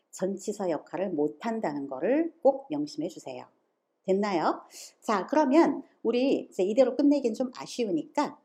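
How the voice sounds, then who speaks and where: Lively Korean woman teaching English. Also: fairly low pitch. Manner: lively, questioning the viewer, reads English examples slowly. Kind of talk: online grammar lesson.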